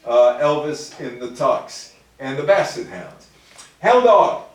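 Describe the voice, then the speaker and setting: Speaking slowly but with great animation, an older American lecturer in a medium pitch reads quotes and remarks on them during an informal public talk on music history. He addresses listeners directly with brief asides. The audience sits in a very echoey room, and the microphone is far from him.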